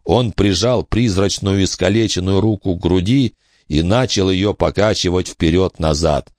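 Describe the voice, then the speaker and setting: A man's voice: low-pitched, normal speed, darkish tone, no echo, clean studio sound. A man reading a horror audiobook as narrator, telling the story expressively.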